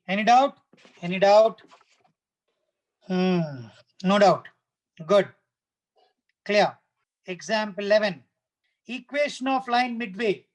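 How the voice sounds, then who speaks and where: High-pitched South Indian male maths teacher. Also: poor audio. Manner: didactic, repetitive, often checks understanding with short questions. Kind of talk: live online maths lesson, working problems step by step.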